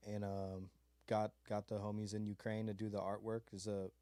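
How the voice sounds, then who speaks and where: Speaking at a normal speed with little pitch movement, this man's fairly low, dark voice comes through a dry recording. He's an adult beat maker with a child, from California's Mojave desert, rambling easygoingly with slang and fillers in a casual interview.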